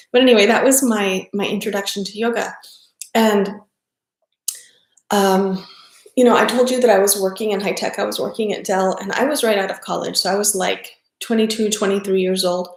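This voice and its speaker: Woman, middle-aged, from South Texas, yoga teacher, casual rambling talk, echoey room, mid-range pitch. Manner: chatty, rambling, frequent ums and self-corrections.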